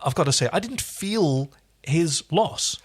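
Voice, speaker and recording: Another podcast co-host, this man has a fairly high, expressive voice with a breathy edge and a slightly slow pace. Reviewing an episode, he chats casually and enthusiastically, frequently breaking off to restart his thoughts.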